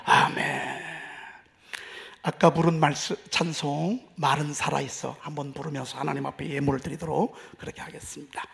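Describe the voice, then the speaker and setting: A middle-aged pastor with a Chungcheong accent delivers a sermon and leads prayer. His voice sits high for a man and has a gravelly edge. He preaches emphatically, swelling into loud exclamations. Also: little pitch movement, fast talker, few pauses. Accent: Chungcheong Korean.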